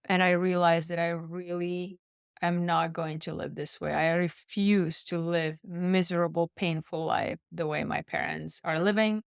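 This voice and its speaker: Earnest woman, smooth voice. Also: lowish voice, no echo, studio quality. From Slovakia. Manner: earnest, reflective, repeats words while thinking. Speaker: guest, nutritionist and pharmacist. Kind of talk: personal storytelling in conversation.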